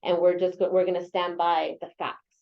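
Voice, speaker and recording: A woman from El Paso, Texas, who works as a real estate agent and presides over a local association, answers interview questions in a casual, earnest way peppered with "you know." Her voice is fairly low and level at a normal pace, and the muffled audio sounds like a video or phone call.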